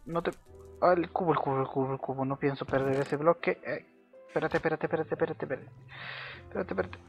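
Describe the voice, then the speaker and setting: A man giving casual gameplay commentary as a video host, chatting to himself and repeating words in quick bursts while he plays. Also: fairly high pitch, steady tone, vocal fry. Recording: slightly dull lo-fi audio with faint music.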